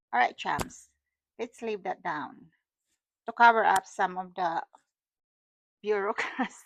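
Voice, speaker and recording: A middle-aged Filipina wellness vlogger with a Cebuano accent rambles casually to the camera, repeating phrases and laughing often. Her medium-pitched voice is gravelly, and the rough recording has no room sound.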